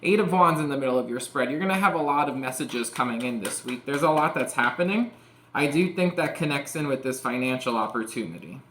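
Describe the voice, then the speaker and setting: Guy reading tarot cards, rambly, lots of "like", bright tense voice, mid pitch. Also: animated, brisk, a little hiss or hum. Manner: rambling, full of "like" and "you know". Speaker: tarot reader. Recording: echoey room.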